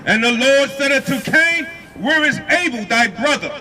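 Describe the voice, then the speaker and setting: A man reading scripture aloud outdoors at a street preaching, measured and formal. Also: extremely high pitch, lively intonation, bright, forceful tone. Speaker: scripture reader. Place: outdoors on a city street at night. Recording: noisy street crowd.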